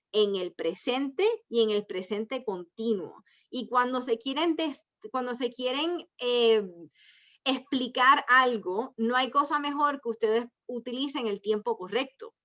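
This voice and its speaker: Woman teacher going over grammar rules slowly and patiently, bright voice, kinda dull lo-fi sound. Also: on the high side. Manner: patient, explains step by step, mixes Spanish and English. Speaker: ESL teacher. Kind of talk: online class teaching. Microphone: video call. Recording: dull lo-fi video call audio.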